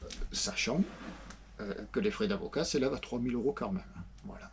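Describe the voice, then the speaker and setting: A man's voice: mid-range voice, a little fast, slight background noise. A man with a Marseille accent, a sailing vlogger talking casually to camera in a chatty, meandering, plain-spoken way. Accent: Marseille French. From Marseille, France.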